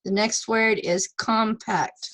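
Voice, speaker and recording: A woman's voice: fairly high pitch, fairly even intonation, slow pace, a bit bright, poor audio. A woman teaching an online ESL lesson, patiently sounding out words syllable by syllable and repeating them.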